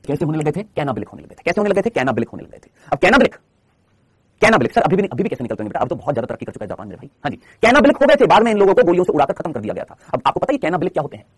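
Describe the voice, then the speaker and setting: A man gives a fast lecture in a high, husky voice, and his pitch swings widely. He keeps firing questions at his class and answering them himself in a repetitive coaching tone. The sound is close and dry. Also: big pitch swings, no echo. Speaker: teacher.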